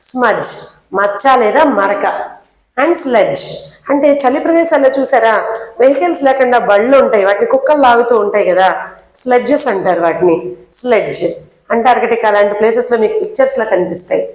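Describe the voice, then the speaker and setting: A woman teaching a pronunciation lesson who explains slowly and repeats each word several times. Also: a little high, expressive, a little mellow, reverberant, rough recording. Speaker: English teacher.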